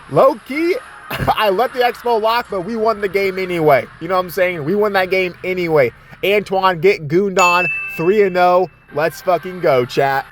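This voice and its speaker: A man's voice: high voice, fairly bright tone. A young man giving casual, profane gameplay commentary, trash-talking his opponent with laughing asides. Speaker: gaming commentator.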